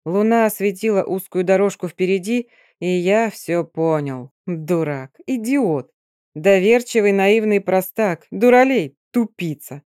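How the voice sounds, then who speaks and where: An audiobook narrator reading a first-person dark fantasy story in a steady storytelling manner. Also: medium pitch, unhurried, dry recording, studio quality.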